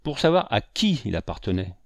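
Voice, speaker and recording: A man's voice: on the low side, big pitch swings, fairly quick, vocal fry, no echo. A man voicing a tense young schoolmaster in an audiobook, polite and guarded. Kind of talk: audiobook character voice.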